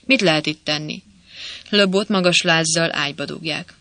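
Bright, dry-voiced audiobook narrator. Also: medium pitch, dry recording. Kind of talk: scripted narration.

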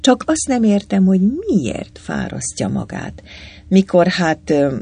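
A narrator voicing a slow, indifferent aristocratic count in an audiobook. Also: male voice, high-pitched, wildly swooping pitch, vocal fry, mellow, breathy edge, pitched above the performer's own voice, exaggerated voice. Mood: languid. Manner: slow and languid.

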